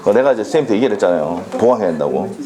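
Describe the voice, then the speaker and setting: A man teaching a law exam prep class in a classroom, animated and drilling students with quick questions. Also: fairly low pitch, crowd noise. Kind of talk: classroom lecture. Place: lecture classroom.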